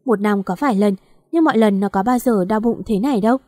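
A woman voicing a worried, gentle elderly mother with a pleading manner. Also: medium pitch, quick pace, no room sound, studio quality, lightly acted. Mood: anxious. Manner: pleading, anxious.

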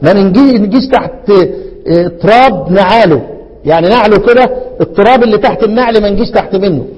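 A man with an Egyptian accent teaching Quranic readings to a class, lively, asking questions and answering them himself, repeating key words. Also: sits high, fast talker, muffled recording. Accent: Egyptian Arabic. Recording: hall with long reverb.

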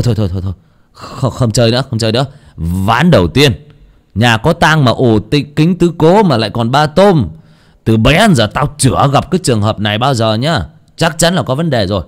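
Man voicing a calm old clan elder. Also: sits low, no room sound, clean studio sound, pitched below the performer's own voice. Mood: alarmed. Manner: slow, measured storytelling with hesitant fillers. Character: old clan elder over eighty, bald, calm and wise.

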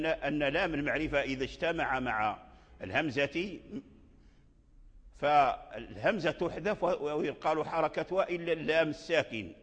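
Acting as a sheikh, a man explains a recitation poem, repeating words aloud to demonstrate pronunciation in a deliberate manner with restarts. His voice is fairly high, a bit bright, with a breathy edge, recorded in an echoey hall with dull lo-fi sound.

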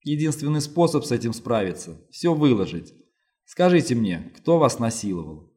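A man's voice: medium pitch, sing-song, normal speed, mellow, lightly acted. A man voicing a determined woman police lieutenant who speaks firmly and insistently, in an audiobook reading. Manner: firm, insistent.

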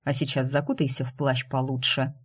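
A woman voicing a stern, teasing dark sorcerer who talks in a lazy drawl. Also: very deep voice, little pitch movement, brisk, husky.

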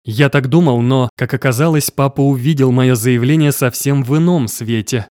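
A man's voice: mid-range voice, normal speed, mellow, no room sound, clean studio sound. Man narrating a first-person audiobook.

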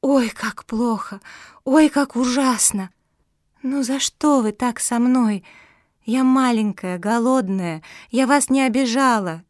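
A woman's voice: slow pace, no echo, studio quality. Woman doing a small frightened stray puppy. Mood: pleading. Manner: high, pleading, tearful. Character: small frightened young stray dog girl. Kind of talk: audiobook reading.

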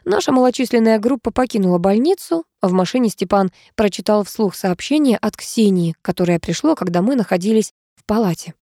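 A woman reading a first-person audiobook in a steady storytelling manner. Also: medium pitch, fairly quick, hardly any pauses, no room sound, clean studio sound. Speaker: narrator.

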